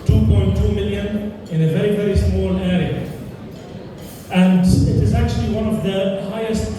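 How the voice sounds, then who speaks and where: Earnest Palestinian doctor speaking in echoey hall. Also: male voice, high-pitched, steady tone, music in the background. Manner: earnest, measured delivery with frequent pauses and fillers. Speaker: charity dinner speaker, doctor. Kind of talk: speech at a fundraising dinner. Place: large indoor hall. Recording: echoey hall, distant mic, noisy.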